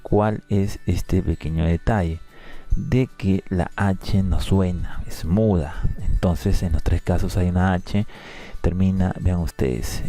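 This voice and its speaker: A man's voice: low voice, warm tone. A man from Peru teaching an exam review lesson, explaining patiently and repeating words aloud to show how they sound.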